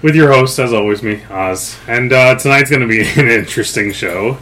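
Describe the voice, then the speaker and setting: A man's voice: mid-range voice, normal speed, fairly bright tone. A man hosting a casual talk show, teasing his guests and laughing often. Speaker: podcast host. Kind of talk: casual chat.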